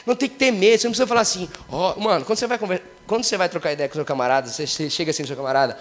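Young male preacher, rapid slangy delivery, high voice, ringing hall reverb. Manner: slangy, excitable, acts out prayers in street talk. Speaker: youth preacher. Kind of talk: energetic youth sermon. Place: large congress hall.

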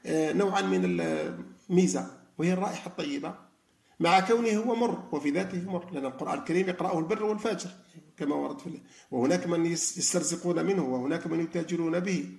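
A man lecturing on Quran reflection gives a spoken religious lesson, explaining with frequent fillers and restarts. His voice is a little high with vocal fry, and the sound is roomy.

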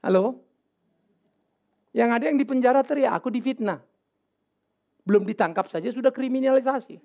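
A male pastor preaching a sermon in a casual, animated way, with sudden loud outbursts and English words mixed in. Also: very high-pitched, brisk, vocal fry. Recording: dull lo-fi sermon recording.

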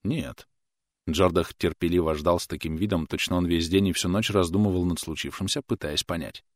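A man narrating an audiobook with steady, even storytelling. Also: low voice, a little fast, dry recording, studio quality. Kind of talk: audiobook reading.

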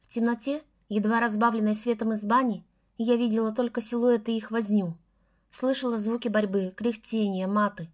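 A woman narrates a novel in the first person. Her voice sits a bit high, and her telling is tense and close. It sounds like a steady audiobook reading. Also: moderate pace.

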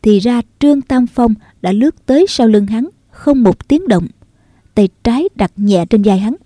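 A woman narrating a martial arts novel in a steady, measured reading. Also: on the high side, no room sound, studio quality. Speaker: audiobook narrator.

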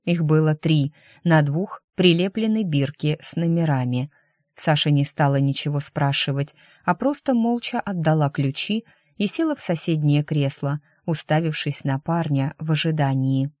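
Steady audiobook narrator, dry sound. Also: medium pitch, moderate pace, dry recording.

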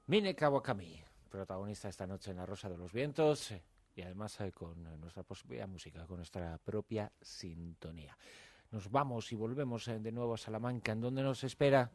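A man hosting a night radio show, introducing the next section in a measured way with some fillers. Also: lowish voice, a little mellow, no echo. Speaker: radio host. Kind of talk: radio presenting.

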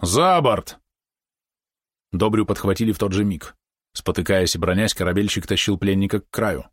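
Low-voiced male audiobook narrator. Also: no echo, studio quality. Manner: steady, measured storytelling. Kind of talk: scripted narration.

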